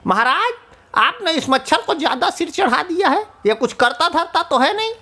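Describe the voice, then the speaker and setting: A man's voice: very high-pitched, big pitch swings, normal speed, bright, forceful tone, pitched above the performer's own voice, heavily acted. A man voicing a proud, boastful female kite bird in a children's cartoon story, talking down in a scolding way. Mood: haughty.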